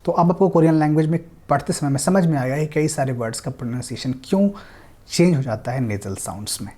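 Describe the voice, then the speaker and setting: A language teacher giving a recorded online lesson, explaining step by step, repeating example words slowly and mixing in English phrases. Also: mid-range voice, mellow.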